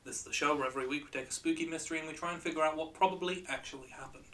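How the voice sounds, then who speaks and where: Man, very bright voice, curious science host, joking conversational storytelling, a little far from the mic. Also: a little high, racing. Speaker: podcast and radio show host. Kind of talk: light-hearted conversational storytelling.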